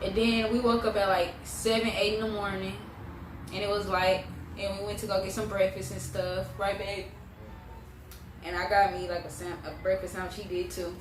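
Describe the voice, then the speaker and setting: A woman's voice: mid-range voice, level tone, normal speed. Young woman storytelling, echoey distant mic. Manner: blunt, slangy, swearing freely. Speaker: vlogger telling a story. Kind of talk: casual animated storytime chat. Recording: roomy echo, distant mic, faint noise.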